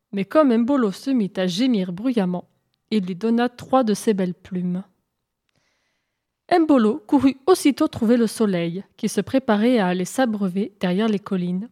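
A woman narrating an animal fable in a lively, expressive storytelling manner. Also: medium pitch.

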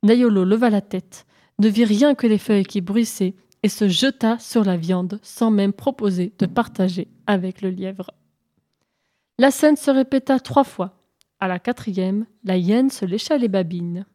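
Mellow-voiced woman reading a folk tale. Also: medium pitch, a little slow. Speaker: storyteller. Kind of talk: scripted narration of a folk tale.

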